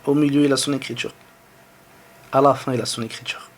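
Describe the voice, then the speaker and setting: A man with a French accent giving a patient online lesson on reading Arabic letters, sounding out each letter slowly and repeating it. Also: medium pitch, steady tone.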